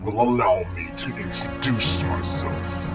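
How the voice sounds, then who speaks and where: A man voicing a pompous galactic villain in a disguised deep voice, grand and gloating. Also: music in the background, close to an everyday voice. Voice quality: disguised deep voice, slow and theatrical. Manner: grandiose, gloating, prone to evil laughs. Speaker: teacher playing a villain in a skit.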